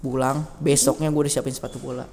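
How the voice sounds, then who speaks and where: Speaking fast in a mid-range voice, a young man recounts his time as a school alumnus while chatting as a podcast guest. He brings quotes to life by acting them out, and the recording has room reverb and faint noise.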